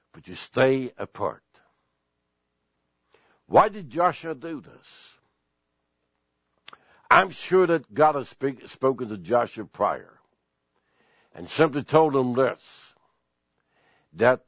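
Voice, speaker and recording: A male pastor preaching a sermon, slow and deliberate, driving points home with emphatic repetition. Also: mid-range voice, dry recording, lo-fi sound.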